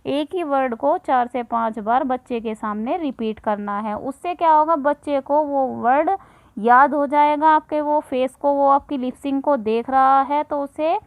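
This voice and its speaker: Woman, 30s, high voice, dry close recording; chatty parenting tips host who pauses often. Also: dry recording, low-quality recording. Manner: conversational, with frequent filler pauses. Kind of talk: casual instructional talk.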